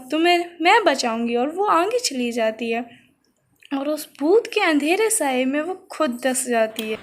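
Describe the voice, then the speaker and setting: High-voiced woman recapping a drama. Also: slight background noise, poor audio. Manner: plain, running storytelling. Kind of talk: casual story recap narration.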